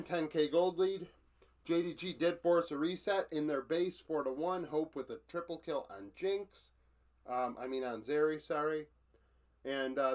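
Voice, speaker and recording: A man's voice: on the high side, fairly bright tone. A man giving a casual recap of esports matches from his notes, matter-of-fact, with frequent fillers and self-corrections.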